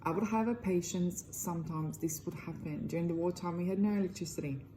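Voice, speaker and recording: A woman's voice: lowish voice, brisk, noisy background. A middle-aged woman from Croatia with a Croatian accent speaks earnestly to camera as an energy healer, in loosely phrased English. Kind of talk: direct-to-camera self-promotion.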